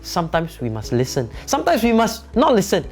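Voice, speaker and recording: A man's voice: high-pitched, huge pitch swings, a little fast, faint music behind. A man, a company founder giving an emphatic motivational talk on leadership, often adding "right?" tag questions.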